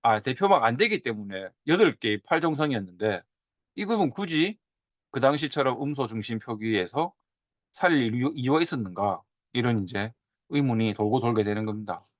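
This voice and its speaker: 옛 문헌을 보여 주며 예시 발음을 되풀이해 가며 강의하는 남자 교사. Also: male voice, medium pitch, brisk, no echo. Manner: animated, drawls and repeats example sounds. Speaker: teacher. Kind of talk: lecture on old Korean script.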